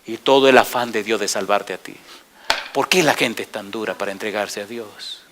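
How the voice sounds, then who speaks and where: A middle-aged man preaching a sermon as a pastor, putting repeated yes-or-no questions to the congregation and telling stories in an animated way, moving between loud and quiet. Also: on the low side, normal speed, slight background noise.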